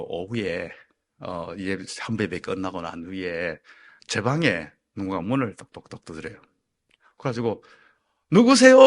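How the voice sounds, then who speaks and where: A middle-aged male pastor preaching an evening church sermon, telling a personal story in an animated way and acting out his own shouting and the lines of others. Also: medium pitch.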